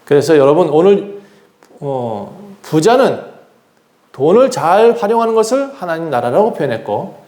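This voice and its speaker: Echoey, high-voiced Korean pastor preaching. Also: male voice, big pitch swings, normal speed, mellow. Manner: earnest preaching, acts out quoted voices. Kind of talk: sermon. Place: church sanctuary.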